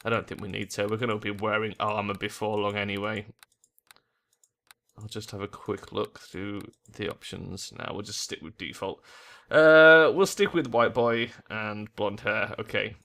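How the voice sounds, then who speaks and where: A man's voice: lowish voice, moderate pace, creaky, pushed and bright. A man giving informal, sweary gameplay commentary as he thinks aloud. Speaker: gamer, let's play host.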